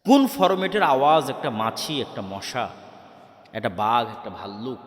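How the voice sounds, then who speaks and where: A man's voice: mid-range voice, lively intonation, moderate pace. A male preacher addressing a crowd at a religious gathering. He asks questions, answers them himself and keeps repeating his key words. His voice rings through a roomy space with a long, trailing reverb. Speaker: Islamic preacher. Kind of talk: sermon to a live gathering. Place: open-air religious gathering with a PA system. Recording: echoey hall with long reverb.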